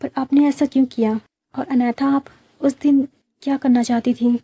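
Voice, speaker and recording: A cheerful young maid who chats along and reassures her mistress, as a woman storyteller voices her. Her voice is fairly high, mellow and flat in pitch, recorded dry and close. This is an audio storybook. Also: normal speed, gravelly, breathy edge, no room sound, full character voice. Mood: earnest.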